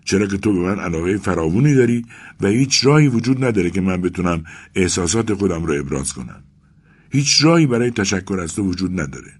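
A man's voice: deep voice, expressive, slightly rough. A man voicing an anxious, tearful young clerk who pleads breathlessly in a raised voice.

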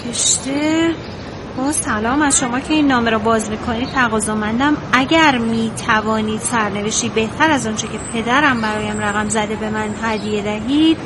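Actress as high-voiced, compassionate Iranian woman. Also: close to an everyday voice. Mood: serious. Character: compassionate, persuasive woman, family friend of a couple. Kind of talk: Persian television drama acting. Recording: noisy drama soundtrack.

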